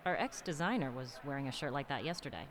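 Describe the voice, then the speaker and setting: A glib game marketing director. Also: female voice, a bass voice, expressive, fast talker, a little hiss or hum. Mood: dismissive. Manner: salesy, glib and dismissive. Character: brash woman marketing director hyping a shooter. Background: game music.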